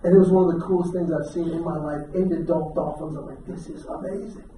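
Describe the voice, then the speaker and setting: Middle-aged male comic, high voice, lively storyteller; distant room mic, audible crowd noise. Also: fast talker. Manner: animated, acts out quotes with shouts. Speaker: stand-up comedian. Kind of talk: stand-up storytelling. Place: event hall with live audience. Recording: echoey hall from far off, crowd noise.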